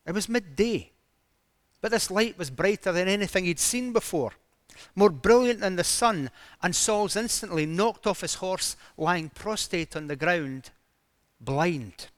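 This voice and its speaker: A man's voice: sits high, animated, unhurried, dry recording. A man preaching a sermon, retelling a story dramatically with emphatic rises in his voice.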